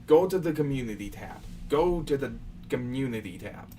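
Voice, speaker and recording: Animated and mellow at a moderate pace, a young man with a medium-pitched voice hosts a casual live Q&A, answering his viewers' questions. He talks loosely and lectures them with a bit of exasperation. Faint background noise is audible, and the mic is distant.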